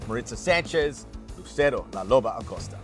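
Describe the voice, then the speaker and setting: Expressive and a little fast, a medium-pitched male host calls MMA fights on a sports broadcast, using punchy promotional lines while music plays underneath.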